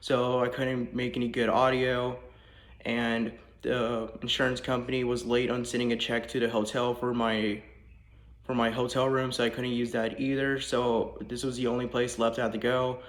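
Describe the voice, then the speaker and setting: A young student at an ordinary middle pitch reads a prepared speech in an earnest, apologetic way. He is recording in a house with the walls torn out. The bare rooms give his voice a strong echo. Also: flat delivery, normal speed. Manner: earnest, apologetic, reading from a script. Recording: echoey bare room.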